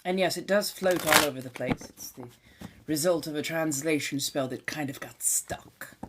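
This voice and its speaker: Speaking at a moderate pace in a deep voice over heavy background noise, a woman chats with live stream viewers in a theatrical vampire persona. Her 1700s colonial transatlantic accent is put on, her wording is ornate, and she calls people darling.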